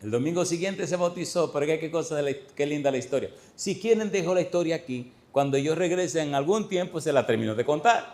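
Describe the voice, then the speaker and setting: This same middle-aged pastor delivers his church sermon at a brisk clip with few pauses, his voice fairly high. He tells lively stories and keeps asking the congregation questions.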